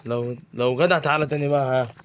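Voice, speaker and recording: A man's voice: mid-range voice, steady tone, fast, slight background noise. A young man with an Egyptian Arabic accent giving joking, chatty commentary while he plays a video game. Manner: joking, chatty, talks to game mobs as if interviewing them. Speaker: gaming YouTuber. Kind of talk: casual gameplay commentary.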